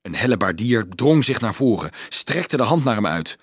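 Male narrator for a dramatic audiobook; animated reading, a touch husky. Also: lowish voice, normal speed, dry recording, studio quality. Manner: dramatic, expressive reading that acts out the shouts. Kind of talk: scripted narration.

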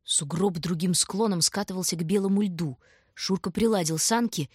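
A woman reading a story aloud in scripted, measured and dramatic narration. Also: lowish voice, a little mellow, slightly rough, dry recording, clean studio sound. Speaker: audiobook reader.

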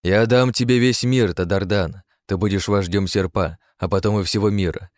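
A man's voice: fairly low pitch, steady tone, normal speed, darkish tone, dry recording, natural voice. A man voicing a scheming male protagonist who talks like a demon, coaxing and menacing in a storybook reading. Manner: cold, coaxing, menacing persuasion.

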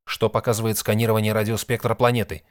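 A man's voice: on the low side, level tone, fast talker, dry recording, clean studio sound, lightly acted. A man reading an audiobook, voicing a curious, wry male space explorer.

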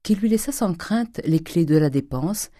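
Brief: audiobook narrator, mellow dark voice, dry close recording, steady reading. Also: medium pitch, moderate pace, dry recording. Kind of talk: audiobook reading of a classic novel.

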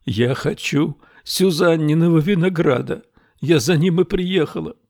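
A distraught young woman pleads and sobs in a high, tearful voice, put on by a male narrator. The reading is close and dry, with no room around it. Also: expressive, a little slow, a bit bright, no echo. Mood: grieving.

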